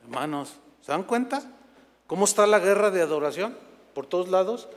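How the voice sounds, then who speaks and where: High-voiced animated preacher, reverberant church. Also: male voice, moderate pace. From Mexico. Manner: animated, acts out biblical scenes in quoted voices. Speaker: pastor. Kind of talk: sermon. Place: church sanctuary.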